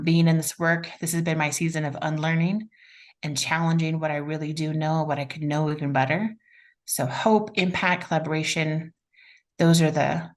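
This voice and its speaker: A woman hosting a live webinar, enthusiastically reading out chat responses. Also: sits low. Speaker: webinar facilitator.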